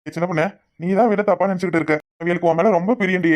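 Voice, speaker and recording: A coaxing young village husband, played by a voice actor in a cartoon, with a Kanyakumari Tamil accent. He talks very fast in a middle pitch, pleading and sweet-talking. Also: fairly even intonation, darkish tone, close to an everyday voice.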